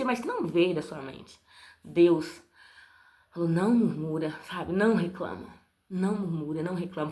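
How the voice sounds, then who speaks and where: A middle-aged woman from Brazil tells a personal story of faith to her viewers, earnestly, repeating phrases and calling her listeners "gente". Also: medium pitch. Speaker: vlogger telling a personal story. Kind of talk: emotional personal testimony.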